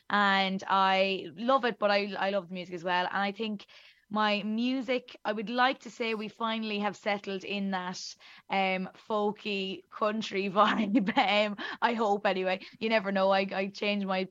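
A woman's voice: mid-range voice, a bit bright, dry recording, dull audio. A woman from Ireland with an Irish accent, a musician guest chatting casually and self-deprecatingly in an interview.

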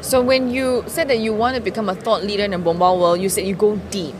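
A woman's voice: medium pitch, steady tone, fast talker, noisy background. A woman hosting a podcast, asking eager questions and reacting effusively to her guest. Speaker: podcast host. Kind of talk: podcast interview.

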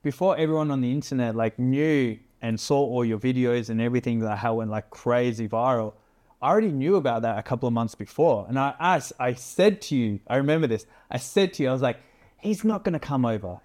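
A man's voice: mid-range voice, fast, darkish tone. Laid-back, swearing man hosting a podcast. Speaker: podcast host. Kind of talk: casual chat.

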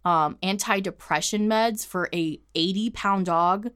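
A woman co-hosting a podcast, telling a story in a casual, animated way, full of swearing and "like" fillers. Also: mid-range voice, a little slow, clean tone. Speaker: podcast co-host.

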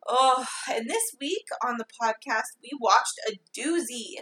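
A woman co-hosting a podcast in casual chat, excitable and rambling, often saying "like". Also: a little high. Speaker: podcast co-host. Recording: roomy echo.

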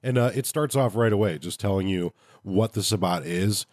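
A man's voice: fairly low pitch, normal speed, darkish tone, no room sound, clean studio sound. A man hosting a podcast in casual review talk, with a nasal voice stuffed up from a cold. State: congested from a cold. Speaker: podcast host.

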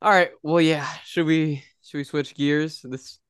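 A young man co-hosting a podcast in casual chat, telling stories in an animated way and laughing often. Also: fairly high pitch, unhurried, clear, resonant tone, no room sound, clean studio sound. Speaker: podcast co-host.

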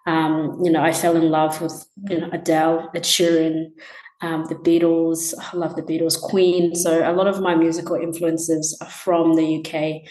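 Young woman, low voice, hesitant interview answers, echo around her. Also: flat delivery, moderate pace. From Tanzania. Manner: soft-spoken, many ums and restarts. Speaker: musician guest. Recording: echoey room.

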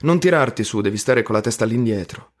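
A man's voice: mid-range voice, lively intonation, fast, close to an everyday voice. A man voicing an easygoing older male student leader who answers with unruffled, dry wit. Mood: concerned.

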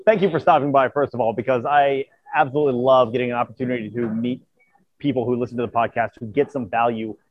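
A man's voice: mid-range voice, steady tone, fast talker, no echo. Tired man hosting, dull lo-fi sound. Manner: earnest, grateful, rambling. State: tired, voice wearing out. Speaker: podcast host. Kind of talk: casual chat. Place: at a convention.

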